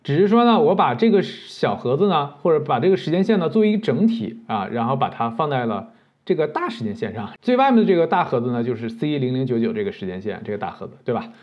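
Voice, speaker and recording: A man's voice: medium pitch, sing-song, quick pace, muffled recording. A man teaching video editing step by step, patient and explanatory, with many fillers. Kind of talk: screen-recorded software tutorial.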